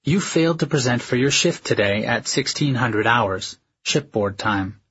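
A spaceship's impersonal message system. The delivery is formal, clipped and detached, in a husky male voice. It sounds like a scripted audiobook announcement, slightly muffled. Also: mid-range voice, animated, measured pace, a bit bright. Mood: detached, official. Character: impersonal shipboard message system reading official notices.

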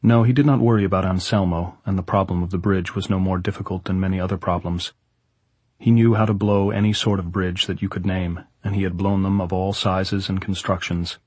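A man's voice: deep voice, fairly even intonation, brisk, darkish tone, breathy edge, no room sound. A man narrating a literary novel as a scripted audiobook reading.

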